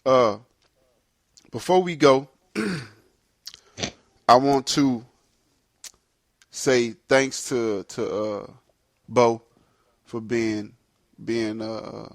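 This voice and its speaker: A man's voice: medium pitch, very slow, long pauses, dry recording, clean studio sound. A man hosting a casual online sports talk show, wrapping up with laid-back, slangy banter. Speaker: podcast host. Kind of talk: casual chat.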